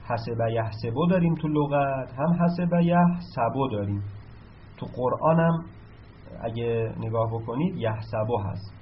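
A man gives a recorded lesson and explains each point patiently, often posing a question and then answering it himself. His voice sits at a middle pitch for a man. The recording sounds a little dull, with a faint room ambience behind him. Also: slight background noise. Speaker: teacher. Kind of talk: recorded lesson on Arabic verb patterns.

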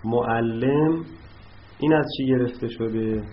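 A man teaching an Arabic grammar lesson, explaining word patterns slowly and patiently as he writes examples on a board. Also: on the low side. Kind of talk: classroom lesson. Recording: dull lo-fi recording with faint noise.

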